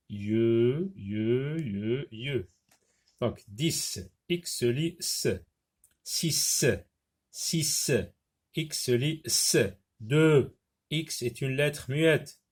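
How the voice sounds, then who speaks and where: A man's voice: mid-range voice, a little mellow. A man teaching an early reading lesson, sounding out words syllable by syllable and repeating each one carefully. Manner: slow, syllable-by-syllable reading drills. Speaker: primary school teacher.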